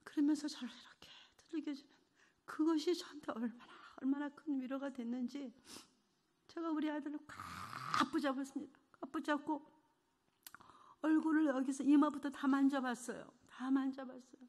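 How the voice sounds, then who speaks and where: A middle-aged woman giving an emotional church testimony, earnest, moving between hushed and fervent delivery. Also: high voice, normal speed.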